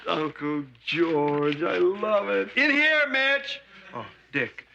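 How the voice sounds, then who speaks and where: A good-natured handyman who talks in a folksy, earnest way with a slightly raised pitch. The old sitcom soundtrack carries clear hiss behind him. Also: animated, bright, forceful tone, dull audio, full character voice. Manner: folksy, earnest, slow-spoken. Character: genial, simple-hearted handyman uncle. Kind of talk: 1980s sitcom acting. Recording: noisy old TV sitcom audio.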